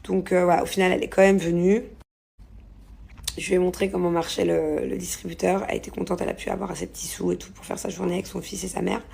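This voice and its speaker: A woman's voice: lowish voice, little pitch movement, quick pace, vocal fry, a little mellow, breathy edge. A woman telling a rambling, casual story in a vlog from a hotel room, with lots of fillers. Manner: chatty, rambling with many fillers. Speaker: vlogger.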